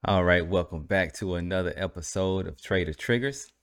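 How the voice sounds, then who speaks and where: A man's voice: low-pitched, normal speed, clean tone, no echo, studio quality. A man hosting a podcast, talking casually to listeners and often tagging lines with "right?". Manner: conversational, repeats "right?" to the listener. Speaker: podcast host. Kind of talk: solo podcast commentary.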